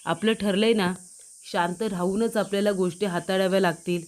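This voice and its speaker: A woman's voice: mid-range voice, fairly even intonation, moderate pace, darkish tone, natural voice. A woman voicing a young woman who pleads and soothes an angry man in a retold TV drama. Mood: pleading.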